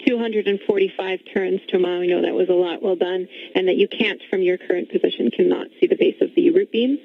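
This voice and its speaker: Woman, mission control radio, vocal fry, dry phone-like band, measured procedural phrasing. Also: mid-range voice, no echo. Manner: measured, polite confirmations. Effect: radio link.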